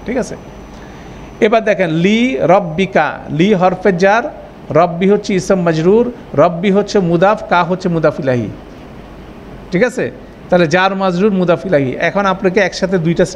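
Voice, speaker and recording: Male teacher, high voice, patient step-by-step classroom explainer, slight room hiss. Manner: explains step by step with frequent check-ins. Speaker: Arabic grammar teacher. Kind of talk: classroom lecture.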